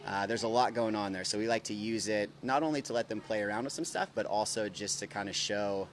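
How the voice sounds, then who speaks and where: A fitness coach, interviewed on location at a gym, explains things informally and instructively in a lowish, brisk voice. Faint gym noise can be heard behind him.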